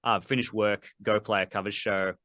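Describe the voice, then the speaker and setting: A man in his thirties, a metal vocalist appearing as a podcast guest, rambles casually in an interview chat full of fillers and offhand swearing. His voice is on the low side with a flat delivery at a moderate pace, sounding pushed and bright. The clean studio recording has no echo.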